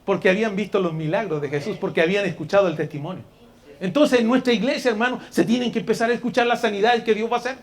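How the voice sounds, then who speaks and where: A man preaching a sermon in church, moving between soft, intimate asides and loud, shouted exhortation, calling his listeners brother and dear one. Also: sits high, fairly even intonation, quick pace. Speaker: pastor.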